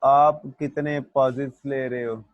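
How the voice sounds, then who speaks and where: A male teacher lectures his class at an unhurried, deliberate pace, reading out English definitions and then explaining them. He calls his students "beta" like a father and often checks that they have followed. His voice sounds dry and close, with little room sound. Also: medium pitch, little pitch movement, dry recording, muffled recording. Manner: asks students if they understood.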